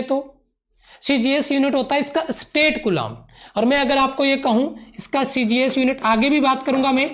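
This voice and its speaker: A man teaching a live online physics class, repeating each point and gently calling his students "beta". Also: extremely high pitch. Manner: mixes English terms into Hindi.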